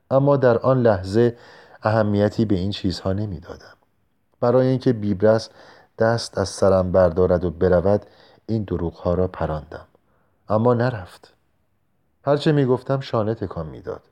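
A man calmly narrating a novel in a measured storytelling voice. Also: lowish voice. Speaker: audiobook narrator. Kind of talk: scripted narration.

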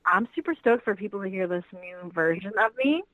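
A woman's voice: mid-range voice, animated, a little fast, fairly bright tone, poor audio. A woman singer as an interview guest, enthusiastic and gushing, talking casually with plenty of fillers.

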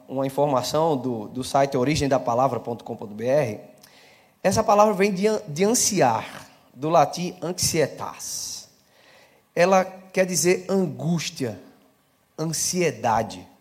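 A male pastor giving a live church sermon, talking conversationally, asking the congregation questions and building to emphatic preaching. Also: a little high. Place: church service.

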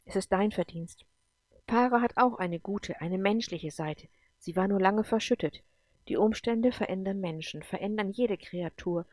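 Calm, earnest female guardian spirit, read by a woman narrator; dry, close voice, mid pitch. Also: moderate pace, no echo, close to an everyday voice. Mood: gentle solemn.

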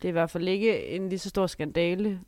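A woman's voice: on the low side, darkish tone, no echo. A woman chatting casually on a podcast, talkative and laughing often.

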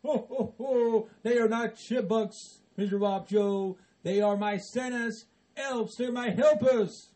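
A man playing a jolly, patient old Santa Claus who talks slowly and soothingly between ho-ho-hos. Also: very high voice, dark tone. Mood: calming. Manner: slow, soothing, chuckling ho ho ho.

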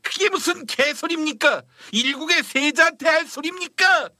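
A man playing a whiny would-be crown prince, high strained protesting voice, bright, satirical period-drama parody. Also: normal speed, no echo, clean studio sound, heavily acted. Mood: indignant. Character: whiny, indignant young male politician playing at being a crown prince. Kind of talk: satirical Joseon-era costume parody.

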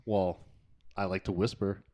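A man's voice: low voice, level tone, unhurried, darkish tone, a little hiss or hum. A man co-hosting a podcast in casual chat, enthusiastic and rambling as he talks. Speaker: podcast co-host.

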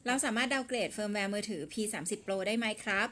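A woman's voice: medium pitch, fairly even intonation, very fast, a bit bright. A young woman co-hosting a tech show, reading viewer questions aloud and reacting with playful teasing and frequent surprised "oh"s. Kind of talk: casual live chat.

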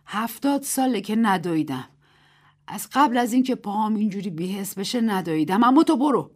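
A woman's voice: medium pitch, animated, pitched above the performer's own voice, natural voice. A woman voicing a stubborn, commanding village grandmother in her seventies who scolds sharply. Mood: resolute. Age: 70s. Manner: sharp, scolding, emphatic outbursts.

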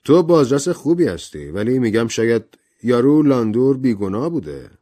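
A man's voice: mid-range voice, big pitch swings, warm tone, pitched above the performer's own voice. A man voicing a cocky, sardonic adventurer who talks in a mocking, provocative way.

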